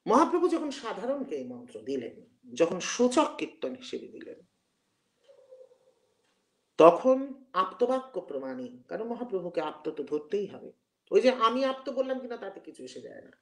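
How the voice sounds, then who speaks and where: A man's voice: sits high, sing-song, normal speed. A man giving an academic lecture, explaining at length and sometimes chanting verses in a rhythmic way. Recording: roomy echo.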